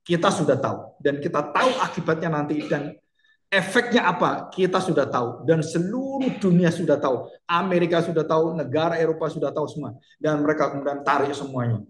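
A male pastor preaching with emphasis, throwing out rhetorical questions and turning again and again to his listeners. His voice is a little high for a man. The sound rings around an echoey hall. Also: lively intonation, moderate pace. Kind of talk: sermon.

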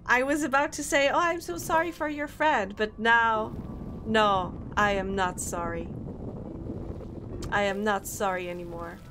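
Against a noisy background, a young Polish VTuber speaks in a medium-pitched voice at a measured pace. Native to Poland and Polish-accented, she greets viewers and keeps up casual, bubbly chat as she plays on stream.

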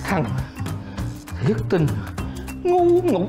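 A man's voice: very animated, very slow, over music, full character voice. A middle-aged actor playing a blustering, scheming father-in-law in a sitcom. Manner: blustering, jumps up high when agitated. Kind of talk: sitcom acting.

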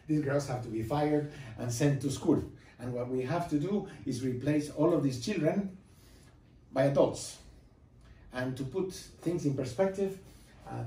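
A middle-aged man from Guatemala giving an emphatic classroom lecture with slides, pausing and repeating lines for effect. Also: medium pitch, dark tone. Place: classroom with projector screen, indoors. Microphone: far camera, no mic seen. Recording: echoey classroom from far off.

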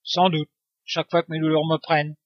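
Man reads a gentle, pleading old widow; high, dry, slightly dull recording. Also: little pitch movement, brisk, no room sound, close to an everyday voice. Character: frail 82-year-old pious widow.

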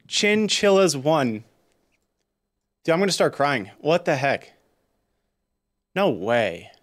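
A man reacting with excited, incredulous exclamations while livestreaming as a pianist. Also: fairly high pitch, slow pace. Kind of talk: live-stream reaction chat.

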